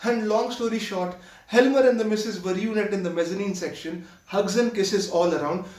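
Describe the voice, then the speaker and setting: A man's voice: high-pitched, moderate pace, darkish tone, close to an everyday voice. A man playing a flustered young usher. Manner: nervous, stammering, confessional storytelling. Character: flustered young male theater usher, first night. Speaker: actor performing a monologue. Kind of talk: theatrical monologue. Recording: roomy sound from far off.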